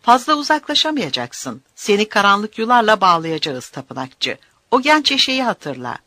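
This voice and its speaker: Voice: medium pitch, sing-song, moderate pace, sharp tone, no room sound, voice pushed up. A narrator voicing Luigi, an older, cruel male village elder who speaks in a commanding, scornful way, in an audiobook. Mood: threatening.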